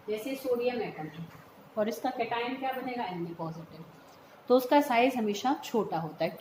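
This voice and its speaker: Woman teacher, fairly high voice, patient explainer, echoey room with faint hum. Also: darkish tone. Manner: patient, explains step by step, checks understanding by calling students "beta". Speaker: chemistry teacher. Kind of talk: classroom lecture mixing Hindi and English terms.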